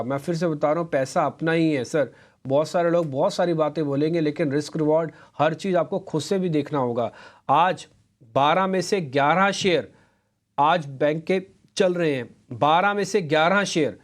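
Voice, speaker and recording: Man, fairly high voice, live market commentary, chatty, coaching viewers. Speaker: market anchor.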